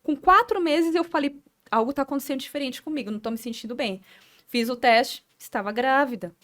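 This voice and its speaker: A young woman with a Brazilian Portuguese accent guests on a podcast, earnestly sharing her personal story. Her voice is high and a bit bright, and she halts and repeats words as she remembers.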